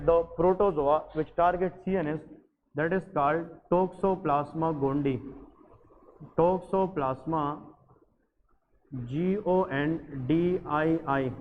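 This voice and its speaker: A man's voice: fairly high pitch, a little hiss or hum. A man teaching medicine in an exam-focused lecture, mixing English terms into his speech and putting questions to the class that he answers himself. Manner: addresses listeners as janab. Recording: tinny, phone-like audio with a long reverb.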